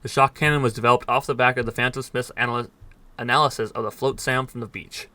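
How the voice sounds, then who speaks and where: A man's voice: medium pitch, fairly even intonation, quick pace, sharp tone, no room sound. A man reading in-game text aloud at speed, stumbling over words now and then and dropping dry asides. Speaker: gaming let's player.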